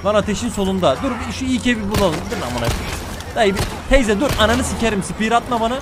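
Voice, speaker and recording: A man's voice: sits high, big pitch swings, fast talker. A young man streaming a horror game, talking frantically and swearing constantly at enemies. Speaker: gaming streamer. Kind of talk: let's play commentary. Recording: game music loud behind voice.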